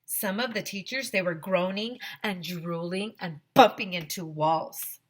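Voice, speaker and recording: Unhurried and low in pitch, this woman teacher reads a story to her young students with plenty of expression, animated emphasis, and direct asides to the children.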